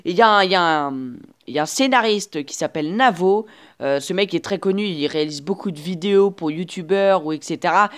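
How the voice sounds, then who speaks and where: A woman hosting a casual solo podcast, talking straight to the listener in a chatty, encouraging way with many restarts and fillers, recorded on an earphone mic. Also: on the low side. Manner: halting, with frequent restarts and filler sounds. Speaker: podcast host. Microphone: earphone headset mic.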